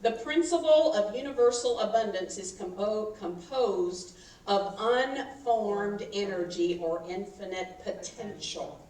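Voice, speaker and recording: A woman in her fifties, a minister giving a sermon, animated and calling for responses from the congregation. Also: mid-range voice, measured pace. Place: church sanctuary. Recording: echoey hall, mic from far off, faint noise.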